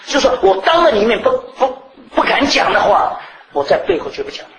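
A man preaching a sermon, telling stories from his own life and swinging between loud, high bursts and quiet asides. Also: brisk, a little hiss or hum, poor audio. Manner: animated, rising and falling sharply in pitch and volume.

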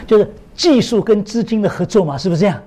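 Animated middle-aged male preacher. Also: brisk. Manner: animated storytelling, swinging from low asides to high emphatic questions; often asks the congregation rhetorical questions. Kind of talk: sermon.

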